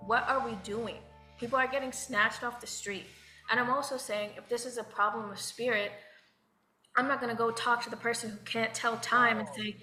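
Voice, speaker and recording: In an echoey room, an American woman shares her thoughts as a panel guest, loosely and with frequent fillers. Her voice sits a little high, with a bright, forceful tone.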